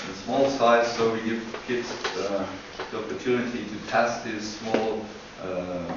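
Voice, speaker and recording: A man giving a short conference pitch about a school project, halting and full of filler sounds. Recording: echoey hall, far from mic, dull, noisy.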